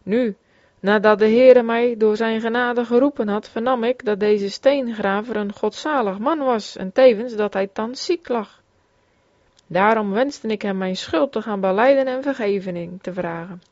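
A woman's voice: a little high, measured pace, no echo. Solemn woman reading, dry lo-fi sound. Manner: steady, solemn reading in formal old-fashioned Dutch. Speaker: reader. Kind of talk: reading a religious memoir aloud. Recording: dull, dry, slightly lo-fi recording.

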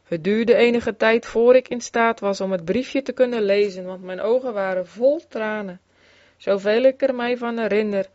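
A woman reads an old devotional memoir aloud in a fairly high voice, earnest and fervent. The recording is dull and lo-fi, with a dry sound and no room echo. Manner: earnest, with rising fervor in exclamations.

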